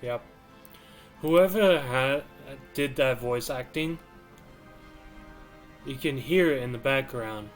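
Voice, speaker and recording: Guy streaming a game, talks slow and thinks out loud, faint music behind. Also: mid-range voice. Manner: slow, musing, mutters to himself. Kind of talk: casual gameplay commentary.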